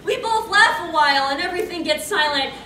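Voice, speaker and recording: Co-hosting a convention panel, a young woman gives a live comedic dramatic reading of fan fiction, wry and theatrical, often interrupting herself. Her very high, expressive voice moves a little fast. A far camera catches it from the stage, so the sound is distant, echoey and noisy.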